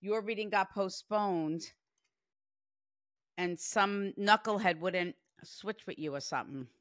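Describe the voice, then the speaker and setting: Slowly and in a mid-range voice, a woman in her forties who works as a psychic medium carries on an animated, chatty reading, saying "like" again and again. The studio recording has no echo.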